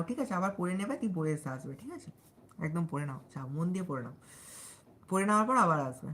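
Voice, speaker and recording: A young man with a Bangal-tinged Bengali accent, talking in a deliberately soft, sweet way as he chats with viewers on a live stream and reads his study notes aloud. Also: a little high, low-quality recording. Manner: chatty, often asks listeners if they follow. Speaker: livestreamer studying for exams.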